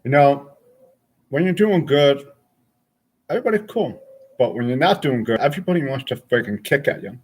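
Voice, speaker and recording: A man's voice: medium pitch, expressive, moderate pace, long pauses, a little mellow, slightly rough. A man of forty chatting casually and frankly with his stream viewers, rambling from thought to thought. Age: 40s.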